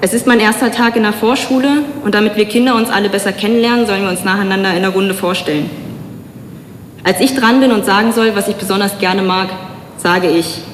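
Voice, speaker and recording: A young woman from Germany giving a public talk, telling personal stories in an earnest, measured way with slow, emphatic pauses. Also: medium pitch, slight background noise. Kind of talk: personal spoken-word speech. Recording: echoey hall with long reverb.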